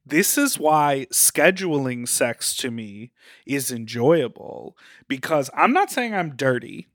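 A man's voice: mid-range voice, sing-song, takes it slowly, a bit bright, dry recording, clean studio sound. A man co-hosting a podcast, chatting casually and comedically in a sassy, campy drag-queen manner. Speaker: podcast co-host.

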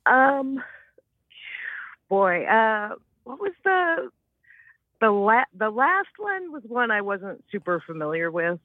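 A man's voice: high voice, very animated, slow, long pauses, dry recording. Hesitant man calling in on a tinny phone line. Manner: hesitant, stumbling. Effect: phone line call-in. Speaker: caller.

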